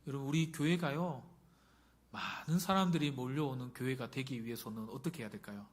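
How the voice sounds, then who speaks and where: A man's voice: medium pitch, brisk. A middle-aged male pastor giving a conversational sermon and often putting questions to the congregation.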